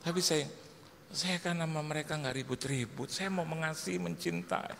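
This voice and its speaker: This pastor's voice sits a little high, sounding gravelly and a bit bright at a normal speed. Preaching in a church hall, he recounts a comic story and imitates the people in it, while the recording picks up long hall echo and faint noise.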